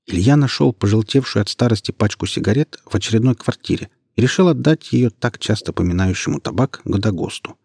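A man reading a fantasy audiobook in a steady, even narration, close to the mic. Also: fairly low pitch, fairly quick, few pauses, breathy edge, dry recording.

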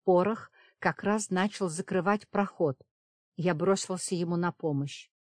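A woman reading a fantasy audiobook as first-person narration, in a steady dramatic storytelling manner. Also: fairly low pitch, unhurried, dry recording, studio quality. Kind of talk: scripted narration.

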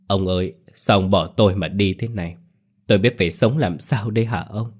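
A man's voice: deep voice, brisk, husky. A man voicing a middle-aged widowed mother lamenting through sobs. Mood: grieving. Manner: sobbing laments.

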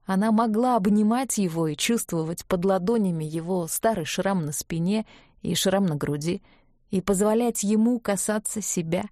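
A woman reading an audiobook in a calm, measured narration. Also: mid-range voice, no room sound, clean studio sound.

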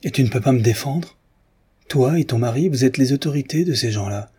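A man's voice: mid-range voice, moderate pace, mellow, breathy edge, natural voice. A man reading aloud, voicing an indignant, grieving young widow who pleads in a raised voice. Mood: anguished.

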